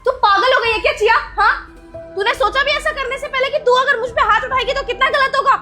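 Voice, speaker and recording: A woman acting as a young mother of a seven-year-old girl, scolding loudly at times and speaking gently at others, in a family drama skit. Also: high-pitched, lively intonation, moderate pace, over music.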